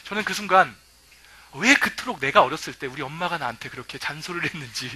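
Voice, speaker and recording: A male pastor preaching a sermon, telling stories lively and acting out what people say. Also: on the high side, fast. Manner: lively storytelling, acting out quoted remarks.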